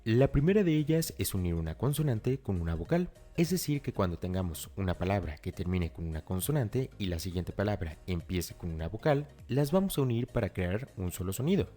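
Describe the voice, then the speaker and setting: A man with a low, mellow voice narrates a scripted lesson. His pitch moves a lot as he explains each step and talks straight to the learner. Soft music plays faintly behind him. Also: big pitch swings, a little fast, hardly any pauses. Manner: clear, step-by-step explaining, addresses the learner directly. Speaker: English teacher.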